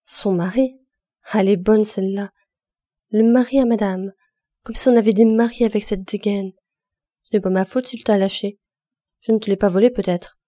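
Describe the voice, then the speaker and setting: A woman voicing a spiteful young laundress who taunts loudly in a quick, mocking way. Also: medium pitch, steady tone, no echo, lightly acted.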